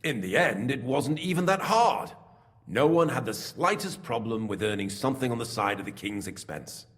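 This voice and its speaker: A man's voice: normal speed, close to an everyday voice. An actor playing a scheming middle-aged smelting works master in a video game, smug and evasive as he confesses his part in a silver racket. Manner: smug and evasive, lively pitch. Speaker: game character.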